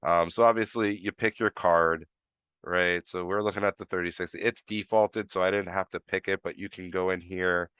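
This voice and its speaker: A man's voice: low voice, steady tone, moderate pace, a bit bright, clear, resonant tone, no echo. A man with a New York accent, tinged with Florida, hosting a live stream and explaining things in a rambling, casual way full of fillers and restarts. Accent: New York, with some Florida.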